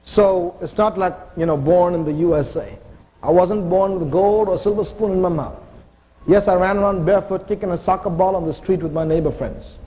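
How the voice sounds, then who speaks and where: A man's voice: high voice, fairly even intonation, a little fast, mellow, highs cut off. A man from India, preaching a sermon to a church congregation in an earnest, emphatic way, with joking asides. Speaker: visiting missionary preacher. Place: church sanctuary.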